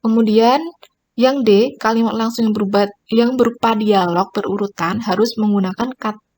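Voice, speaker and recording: A woman's voice: medium pitch, fairly even intonation, normal speed, a little mellow. A woman teacher giving a recorded grammar lesson, explaining each point and pointing at examples on screen. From Indonesia.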